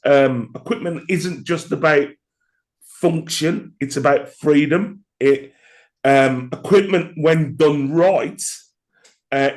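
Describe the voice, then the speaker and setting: Hoarse, slow-speaking man with the flu. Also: on the high side, a little mellow. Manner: slow, halting, reflective. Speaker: podcast co-host. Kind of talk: casual podcast chat.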